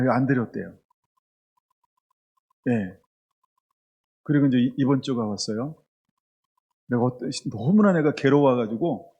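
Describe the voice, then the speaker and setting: A man's voice: mid-range voice, dark tone, breathy edge, muffled recording. A man preaching a sermon as pastor, telling a candid, confessional story. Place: church.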